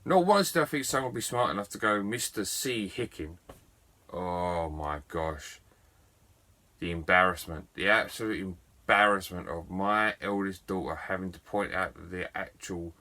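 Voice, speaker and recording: A man's voice: deep voice, normal speed, long pauses, pushed and bright. A middle-aged man, a game collector telling a story to camera in a chatty, enthusiastic and self-mocking way. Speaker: video game collector vlogger.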